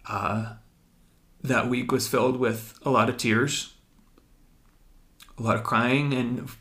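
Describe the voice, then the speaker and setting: A young man with a middle-pitched voice hosts a personal conversation podcast. He tells his story earnestly and reflectively, pausing often with fillers. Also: steady tone, fairly bright tone. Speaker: podcast host.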